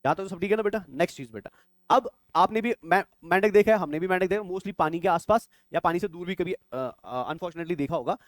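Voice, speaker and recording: A man's voice: high-pitched, fairly quick, dry recording. A young adult man teaching biology for exam prep, constantly quizzing his students and calling them "beta". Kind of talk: exam-prep classroom lecture.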